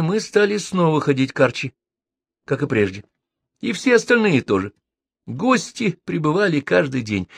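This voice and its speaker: A man's voice: a little high, vocal fry, dry recording, studio quality. A man reading a novel aloud as narrator, wry and ironic. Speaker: audiobook narrator. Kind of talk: literary audiobook reading.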